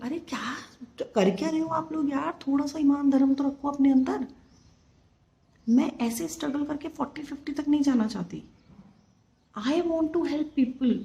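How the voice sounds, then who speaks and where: Woman, 30s, emphatic frustrated vlogger, slightly high and mellow. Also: lo-fi sound. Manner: exasperated, emphatic, mixing English into Hindi. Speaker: vlogger, former flight attendant. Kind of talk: candid personal vlog monologue.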